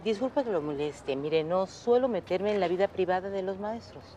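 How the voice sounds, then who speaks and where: A woman's voice: medium pitch, normal speed, mellow, a little hiss or hum, lightly acted. A woman playing a firm, polite school principal. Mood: formal. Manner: polite but firm, formal.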